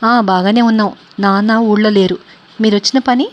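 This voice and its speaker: An educated young woman, as a woman narrator voices her in a read-aloud novel. She answers politely and with restraint. The pitch stays in a plain middle register. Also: steady tone, normal speed, natural voice.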